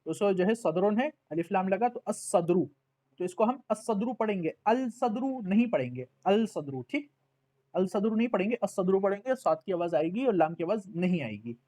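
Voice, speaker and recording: Man, teacher, higher pitched voice, patient, repetitive, online language lesson. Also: animated, mellow. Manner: patient, repeats words and checks with "ٹھیک؟". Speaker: Arabic teacher.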